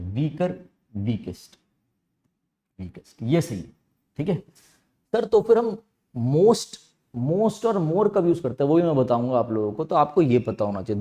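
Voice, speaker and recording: Mellow-voiced man teaching a grammar lesson. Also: medium pitch. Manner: explains step by step, repeats key words, asks and answers his own questions. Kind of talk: exam-prep grammar lesson.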